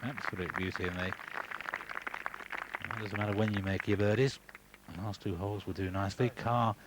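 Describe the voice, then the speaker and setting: Guy doing live golf commentary, kinda low voice, understated and chatty, noisy course ambience behind him. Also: steady tone, normal speed. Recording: broadcast with clear background noise.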